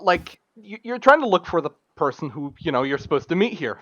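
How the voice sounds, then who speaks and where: Brief: male game master, slow and rambling, lively high-ish voice; dull, dry lo-fi mic. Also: no echo. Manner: rambling, hesitant, full of fillers. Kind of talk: narrating a tabletop game.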